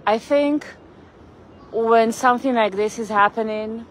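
A woman with a fairly high voice talks unhurriedly on a casual walking live stream through the city. As a vlogger, she rambles to viewers and greets several by name, recording on the phone in her hand amid traffic and street noise.

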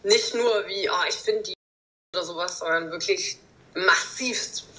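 A woman in her twenties answers interview questions openly, pausing on fillers as she reflects. Her voice is bright and clear, and she comes through a video call from a room at home. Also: fairly low pitch, rough recording. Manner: open, reflective, with many fillers. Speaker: guest, reality TV contestant.

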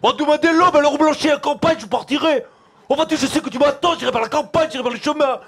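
A man's voice: extremely high pitch, fast, a bit bright, soft background music, pitched above the performer's own voice. A man voicing a slangy teenage boy who recites a poem in an exaggerated street accent. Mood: cocky.

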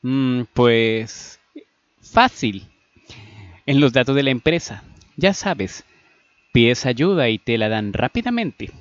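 Un hombre dando voz a un joven galán seguro de sí, que habla con calma y soltura. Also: male voice, medium pitch, slow, long pauses, no echo, muffled recording, voice pushed up. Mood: charming. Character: James/Terrence, charming young man, confident and smooth.

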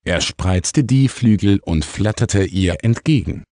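Deep, dark-voiced male storyteller. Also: slow pace, no room sound. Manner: calm storytelling. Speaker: audiobook narrator. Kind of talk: children's audiobook narration. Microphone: close studio mic, dry.

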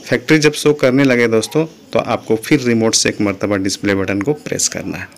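A man's voice: fairly low pitch, fairly even intonation, fairly quick. A man hosting his own channel, walking viewers step by step through a TV repair in a patient, explanatory tone. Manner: patient, explanatory, repeats "friends". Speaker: channel host, TV repair tutor.

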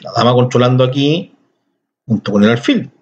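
A man's voice: mid-range voice, expressive, moderate pace. A man teaching a chess lesson, explaining moves with enthusiasm and speaking directly to his viewers. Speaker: chess instructor. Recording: dull lo-fi recording.

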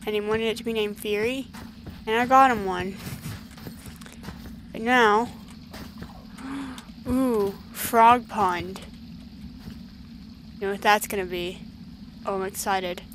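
A woman hosting casual gameplay commentary, chatty and excitable, talking to the creatures on screen. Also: fairly high pitch, unhurried, long pauses, slight background noise, poor audio. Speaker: gaming channel host.

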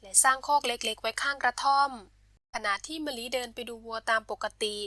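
A woman storyteller with a high, bright voice reads a bedtime tale gently and steadily. The recording is dry and close, with no room sound. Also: fairly even intonation, a little fast, no room sound.

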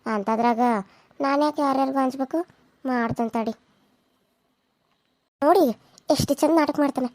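A woman playing a scheming young daughter-in-law, very high and dry. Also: moderate pace, pauses often, dry recording, close to an everyday voice. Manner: sharp-tongued, sulky and defiant. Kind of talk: cartoon serial voice acting.

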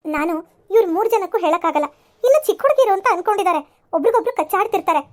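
A woman's voice: very high voice, expressive, very fast, no echo. A woman voicing a young sister in a cartoon serial, fretful and rambling.

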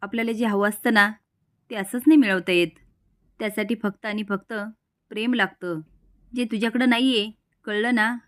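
A woman plays a brave young woman who answers threats with calm, firm scolding. Her voice sits at a middle pitch. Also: moderate pace, close to an everyday voice.

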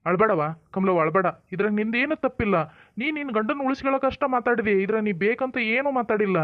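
Actor as a firm North Karnataka village elder, high and quick, tinny dry sound. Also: male voice, no room sound, lightly acted. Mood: soothing. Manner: firm, scolding, then soothing. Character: stern but caring village father-in-law. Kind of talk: village comedy drama acting.

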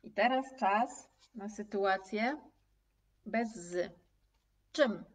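Slow, clear woman teaching a language. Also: mid-range voice, far from the mic. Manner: slow, clear, repeats example phrases and reads viewers' comments. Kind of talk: live online lesson.

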